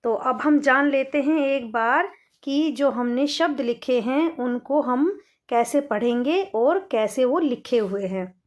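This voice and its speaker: High, slow-speaking woman teaching children. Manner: patient, repeats each word twice slowly. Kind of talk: children's Hindi reading lesson.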